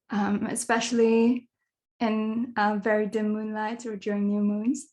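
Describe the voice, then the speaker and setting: A young woman from Kenya, her voice a little high, presents on a video call in her role as a dark sky advocate. Her manner is thoughtful, sprinkled with soft fillers.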